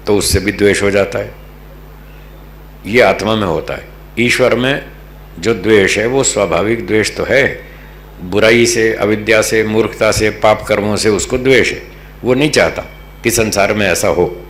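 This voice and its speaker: A man's voice: lowish voice, fairly bright tone. A man from Delhi giving a religious philosophy discourse as a spiritual teacher, patient and explanatory, repeating key terms. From Delhi, North India. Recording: echoey hall with faint hum.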